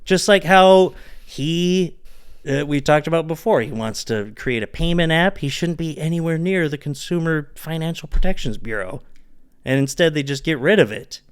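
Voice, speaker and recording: A man's voice: a little high, moderate pace, clear, resonant tone. A man co-hosting a casual comedy podcast, ranting with frequent laughs and trailing asides. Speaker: podcast co-host.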